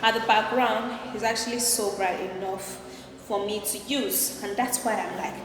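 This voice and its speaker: A woman's voice: mid-range voice, fairly even intonation, normal speed, a crowd in the background. A woman in her thirties with a Nigerian accent chats casually and effusively to her phone camera, repeating phrases for emphasis. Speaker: vlogger. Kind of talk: casual vlog chat to camera. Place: empty apartment room indoors. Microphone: phone at arm's length. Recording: echoey empty room with background noise.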